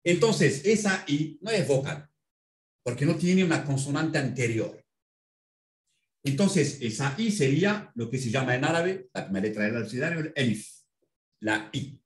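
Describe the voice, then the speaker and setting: A man teaching a language in an interview, patiently explaining and spelling out words slowly. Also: medium pitch, roomy sound. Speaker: Arabic language instructor.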